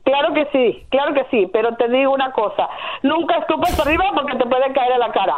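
A middle-aged woman caller with a high voice, pushing her point in an insistent, preachy way. She heard over a tinny, narrow phone line. She keeps talking over the host. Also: fast talker. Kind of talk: call-in radio chat.

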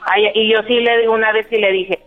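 A woman's voice: a little high, level tone, brisk, faint music behind. A female caller on a radio show, telling a story in a chatty way and quoting others. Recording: dull phone line.

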